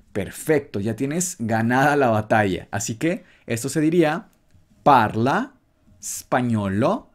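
A man teaching a beginner language lesson, patiently repeating phrases for the listener to copy. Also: mid-range voice. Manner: patient, slow and repetitive, drills phrases.

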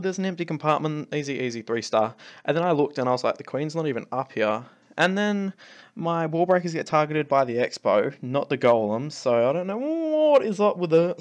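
A man giving casual commentary over his own game replays, exasperated and ranting, swearing freely as his attacks fail. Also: a little high. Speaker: clan leader and channel host.

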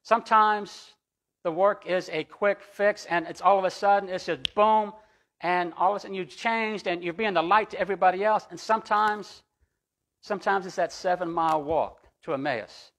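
A man with a fairly high voice delivers a sermon from the pulpit of a church sanctuary. He tells stories in an easygoing, conversational way and often restarts his sentences. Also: normal speed, fairly bright tone. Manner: storytelling, conversational, with repeated restarts. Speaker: pastor.

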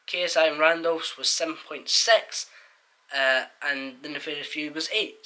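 A young man hosting a casual album reaction, chatting loosely with lots of fillers as he tallies up song scores. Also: fairly high pitch. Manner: chatty, rates songs out loud with many fillers. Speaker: music reaction host.

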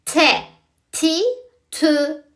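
Bright high lady doing a kids letter lesson, slow, bouncy, playful. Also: level tone. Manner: playful, coaxing, thinks aloud with the learner; sounds letters out slowly, drawn out. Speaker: Quran alphabet teacher. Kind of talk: children's lesson.

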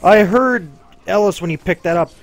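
This man speaks in a high-pitched voice at a moderate pace, chatting casually with a friend as they play a co-op zombie game together. He jokes, rambles, and laughs a lot, commenting on the gameplay as he goes.

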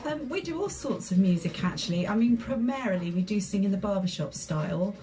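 On a community radio show, an English woman guest describes her chorus with enthusiasm and fluency. Her mid-range voice is animated and brisk, heard over music in the studio interview.

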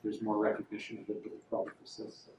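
A middle-aged journalist, a guest speaker in a university classroom, rambles through audience questions with many fillers and restarts. His fairly low, darkish voice is monotone and fast with vocal fry. With no mic, a far-off camera captures echoey room sound and slight background noise.

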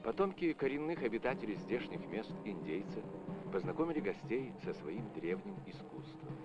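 A man reading formal scripted narration in a measured official tone, as an old Soviet newsreel voice-over. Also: on the low side, very animated. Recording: dull lo-fi old film soundtrack with music. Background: music.

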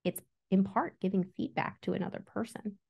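A woman speaking as an interview guest, a school therapist who explains how lessons work and acts out little classroom examples. Her voice sits at a middle pitch with a noticeable vocal fry. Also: steady tone, fairly quick, muffled recording. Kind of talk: conversational interview.

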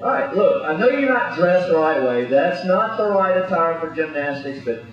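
Exasperated coach shouting across an echoey gym. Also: male voice, on the high side, animated, moderate pace. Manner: exasperated, bossy, scolding. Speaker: coach in a clown gymnastics act. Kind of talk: comic coaching patter over a live act. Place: large indoor gymnasium with audience. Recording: echoey distant muffled gym recording.

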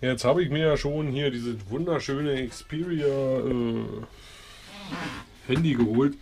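A man's voice: mid-range voice, slow pace, darkish tone, a little hiss or hum. A man in his thirties chatting casually to the camera as a family vlogger, recorded on a handheld action camera. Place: small room at home, car, kitchen. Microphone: action camera at arm's length.

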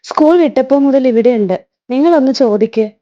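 A woman's voice: sits high, brisk, dark tone, dry recording, dull audio, lightly acted. A woman voicing a friendly male tea-shop keeper calling out to students. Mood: concerned.

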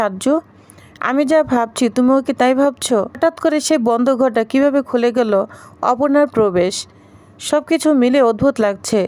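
A woman's voice: sits high, a little mellow, dry recording. A woman retelling a TV serial episode and reading each character's lines in her own voice. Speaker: episode recap narrator.

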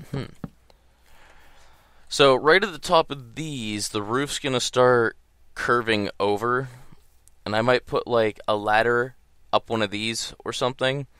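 Sounding groggy in the early morning, a man rambles hesitantly through casual gameplay commentary, with plenty of ums and thoughts that trail off. He has a smooth, mid-range voice that is a bit bright.

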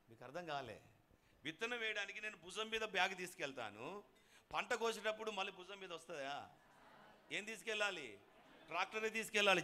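A male pastor with a Telangana Telugu accent delivers a sermon in a bright, forceful voice pitched a little high. He drops into hushed storytelling, then rises to shouted praise, and keeps drawing call-and-response from his congregation. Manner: swings between soft storytelling and loud shouted praise.

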